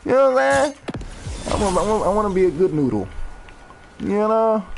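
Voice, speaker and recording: A man's voice: high voice, sing-song, a little fast, creaky, a little mellow, a little hiss or hum. A man in his thirties, a rapper, rambling freely and swearing during casual gameplay commentary. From United States. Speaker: rapper and gaming streamer.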